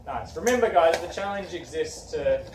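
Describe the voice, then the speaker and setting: A man's voice: on the high side, expressive, moderate pace. A young male teacher leading a classroom discussion, asking questions and encouraging his students. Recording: echoey room from far off, faint background noise.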